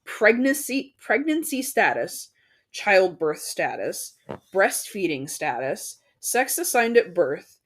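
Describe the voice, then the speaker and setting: A mid-pitched podcast co-host whose voice swoops up and down a lot. They read out notes, then toss in sarcastic asides and casual swearing. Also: a bit bright. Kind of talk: casual chat.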